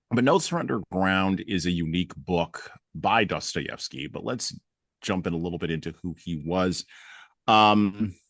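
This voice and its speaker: A man's voice: sits low, fairly bright tone, no echo, clean studio sound. A man hosting a podcast interview, talking casually with many ums and restarts. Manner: rambling, with many fillers and restarts. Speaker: podcast host.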